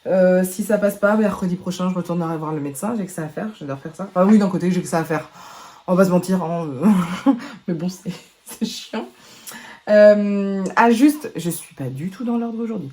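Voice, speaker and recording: A woman beauty vlogger, hoarse from a sore throat, chatting casually to camera at home with lots of hesitations. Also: lowish voice, moderate pace, mellow, slight background noise. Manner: chatty, rambling, many hesitations. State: hoarse from laryngitis. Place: at home indoors.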